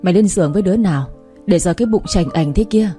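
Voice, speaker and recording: A woman's voice: on the low side, fast talker, faint music behind, lightly acted. A woman doing a drunken raging old village man. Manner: shouting, cursing.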